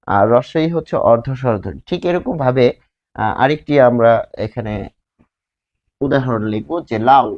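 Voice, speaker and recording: A man teaching a grammar lesson, explaining slowly and repeating words while drawing out their sounds. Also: medium pitch, darkish tone, lo-fi sound.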